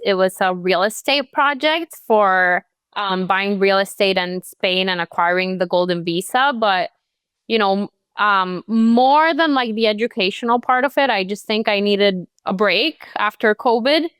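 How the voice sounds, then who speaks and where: A young Colombian woman, a real estate agent, walks through her career as a guest in a casual interview, chatting easily with lots of "like" and "you know." Her smooth, clear, medium-pitched voice is a bit bright, and the recording is close and dry.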